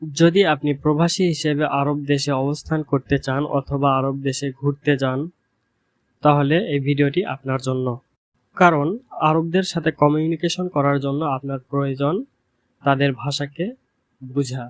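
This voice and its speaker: A man teaching a language lesson, speaking slowly and repeating each example word twice. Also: fairly high pitch, fairly even intonation, dry recording.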